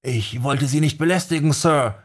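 A man's voice: mid-range voice, moderate pace, slightly rough, pitched above the performer's own voice, lightly acted. A man voicing an eager, effusive older male fan who stammers and gushes in an audiobook. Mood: gushing.

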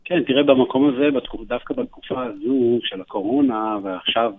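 A man speaking as a radio interview guest, earnest and urgent, often pausing with hesitations. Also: medium pitch. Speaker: interview guest, economic educator. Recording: tinny phone line.

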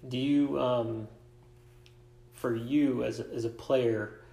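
A man's voice: medium pitch, steady tone, slow pace, creaky, mellow. A man hosting a casual interview about coaching, reflective, asking long rambling questions. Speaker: podcast host, coach and author. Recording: echoey room.

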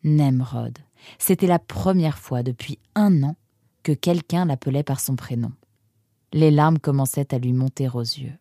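A woman narrating an audiobook in an expressive storytelling manner. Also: a bass voice, unhurried, dry recording, studio quality.

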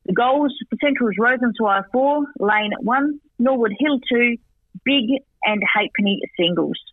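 A man giving a chatty football match recap and tips as a radio guest, rattling off stats with quick asides. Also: very high voice, dry recording. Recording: tinny dry phone line.

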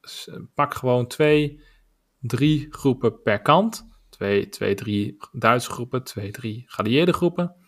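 A man with a Dutch accent co-hosting a podcast, talking in a measured, opinionated way with many filler pauses. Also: medium pitch, lively intonation, a bit bright. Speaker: podcast co-host. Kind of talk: casual podcast discussion.

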